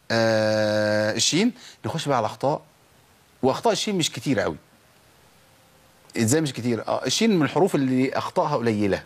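A man with an Egyptian accent giving a recitation lesson, talking fast between slow, stretched-out example sounds. He poses questions and answers them himself. His voice sits at an ordinary middle pitch. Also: slightly rough. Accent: Egyptian Arabic. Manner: quick explanations broken by slow, drawn-out demonstrated sounds. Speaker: Quran recitation teacher.

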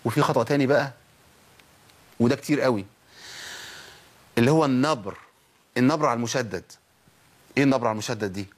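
A husky-voiced man with an Egyptian accent teaches Quran recitation at a quick clip. He fires questions at his listeners, answers them himself, and repeats letters and words to show how they should sound. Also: mid-range voice. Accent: Egyptian Arabic. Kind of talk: tajweed lesson with spoken demonstrations.

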